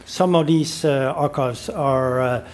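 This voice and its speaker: A man, a guest crime writer giving halting, considered answers. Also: medium pitch, darkish tone. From Norway.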